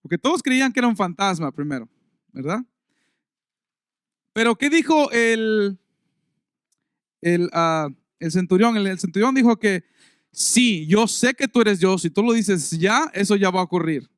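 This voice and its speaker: A man preaching a Sunday sermon in a relaxed, conversational way, reading scripture aloud and building emphasis. His voice sits high for a man. The sound is dry and close, with little room echo. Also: measured pace, long pauses, clean tone. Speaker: pastor. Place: church service.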